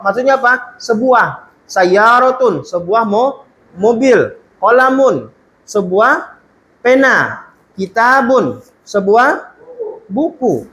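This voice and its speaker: A man teaching an Arabic lesson to a class. He reads Arabic slowly aloud, explains it, and puts questions to his students. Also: sits high, fairly bright tone, slight background noise, rough recording.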